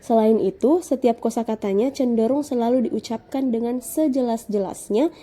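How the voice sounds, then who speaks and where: A woman lecturer giving a measured, explanatory scripted lesson narration. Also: a little high, warm tone.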